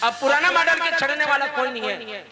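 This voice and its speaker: A man's voice: very high voice, animated, a little fast. A man doing a cheeky village nephew, Chhattisgarhi. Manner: loud, teasing banter. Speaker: folk theatre comedian. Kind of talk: live stage comedy sketch. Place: outdoor village stage. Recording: loud stage music behind.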